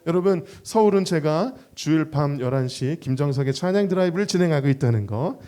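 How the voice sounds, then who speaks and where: A male pastor preaches at a praise concert in a high, bright-pitched voice. His pitch swings widely as he tells stories and acts out quotes. He draws the listeners along with a lively storytelling manner. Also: fairly quick. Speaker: pastor and gospel singer; radio and online show host.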